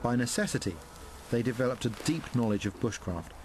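A man narrating a documentary in a calm, measured, scripted way. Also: medium pitch, faint music behind. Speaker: presenter narrating.

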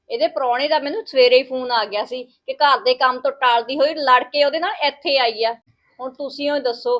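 A woman playing a village wife with a high voice, sarcastic, lecturing, sharp-tongued, family skit acting. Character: village wife lecturing her sister-in-law.

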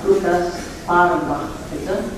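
A woman's voice comes over an airport PA system, slow and formal, each word evenly measured. The loudspeaker rings with heavy echo and is heard from far off across the hall. Steady noise fills the space behind her. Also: fairly low pitch. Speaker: airport announcer. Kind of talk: flight announcements. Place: airport terminal.

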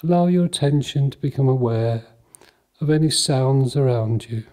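A man with a medium-pitched voice guides a mindfulness meditation, calm, measured and soothing. He speaks in short phrases separated by long pauses.

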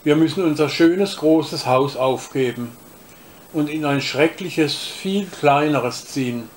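A man reading aloud and voicing a shy, gentle young boy who speaks timidly. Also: fairly high pitch, slow pace. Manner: timid, soft-spoken.

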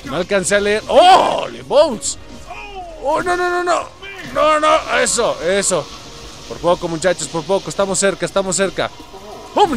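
A man with a Mexican accent giving excited let's-play commentary, yelping, swearing and talking to his viewers. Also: fairly high pitch. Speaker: gameplay streamer.

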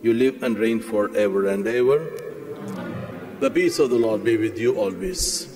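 A man, a priest celebrating Mass, recites liturgical prayers in a measured, solemn way, and his voice carries a cathedral echo. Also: medium pitch, a little mellow, faint music behind. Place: large church. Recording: long reverb of a large church.

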